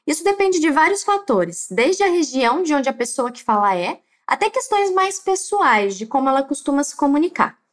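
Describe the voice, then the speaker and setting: A woman with a Brazilian Portuguese accent teaches a language lesson in a clear, patient way, pausing to have listeners repeat after her. Her voice sits high and moves up and down a great deal. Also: big pitch swings. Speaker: Spanish teacher.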